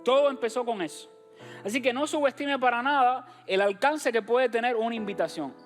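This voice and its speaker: A man's voice: very high voice, fairly quick. Pastor guy doing church announcements, direct and encouraging, faint music in the back. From Cuba. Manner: direct and encouraging, addresses the congregation as brothers and sisters. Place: church sanctuary.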